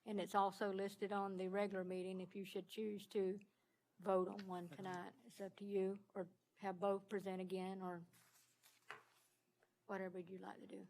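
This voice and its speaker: A woman's voice: mid-range voice, flat delivery, moderate pace, creaky, a little mellow, a little hiss or hum, poor audio. A woman speaking as city clerk, briefing a commission in a plain, matter-of-fact way. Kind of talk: briefing at a public meeting.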